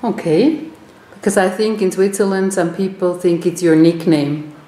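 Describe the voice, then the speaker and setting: Woman interviewer, lowish voice, quick direct questions, echoey room. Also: warm tone.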